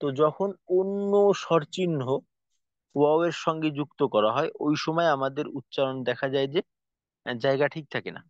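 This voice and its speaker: A man teaching Quranic pronunciation, patiently demonstrating each sound by repeating it slowly. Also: on the high side, dry recording, lo-fi sound. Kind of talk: spoken lesson on pronunciation.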